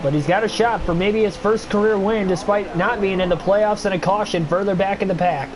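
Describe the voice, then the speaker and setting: Fairly quick and high-pitched, this young man does play-by-play commentary on a video game race and talks with his stream audience. He's congested, his voice is getting tired, and the background is noisy.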